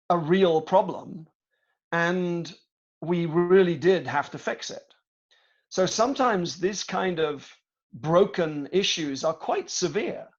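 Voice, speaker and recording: A middle-aged British man tells business stories to a student audience, speaking in a measured, reflective way with many small pauses. His voice sits a little high for a man. It comes through a dull, lo-fi video call line. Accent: British English. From Britain. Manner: measured, reflective, with frequent hesitations. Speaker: guest speaker, tech executive. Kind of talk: storytelling talk to students.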